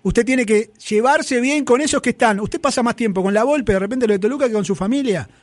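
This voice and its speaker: Argentine male radio pundit, high-pitched, emphatic and preachy, dry studio sound. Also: fairly quick, no echo. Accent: Argentine Spanish. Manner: emphatic, repeats his points, lecturing. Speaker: sports radio commentator. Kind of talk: heated studio debate.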